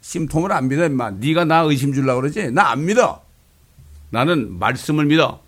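A man's voice: on the high side, animated, fairly quick. Man doing a defiant man scolding the devil.

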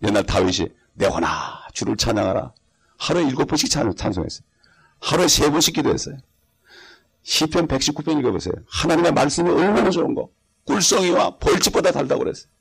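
A male pastor preaches with an emphatic, rhetorical delivery and keeps checking for his congregation's agreement. His voice is gravelly and husky, sitting at an ordinary pitch for a man. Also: expressive, quick pace. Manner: emphatic, rhetorical, frequent interjections asking for assent. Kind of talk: sermon.

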